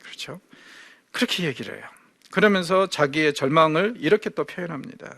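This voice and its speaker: A man's voice: fairly high pitch, lively intonation, brisk, creaky, a bit bright, no room sound. A man giving a Bible lecture, asking his listeners rhetorical questions and acting out quoted speech. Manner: asks the audience rhetorical questions; acts out quoted speech vividly.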